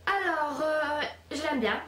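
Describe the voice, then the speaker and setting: A woman's voice: sits high, lively intonation, slow, bright, forceful tone, slight background noise. A young woman chatting casually in a beauty review vlog, rambling with many fillers and poking fun at herself. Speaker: beauty vlogger. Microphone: camera's built-in mic. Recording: echoey room, voice a bit far from camera.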